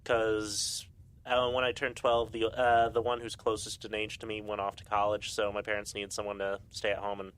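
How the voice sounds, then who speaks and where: Young man, casual chat, halting delivery with frequent uhs. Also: on the low side, completely flat delivery, a bit bright, clear, resonant tone, rough recording. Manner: hesitant, many uhs.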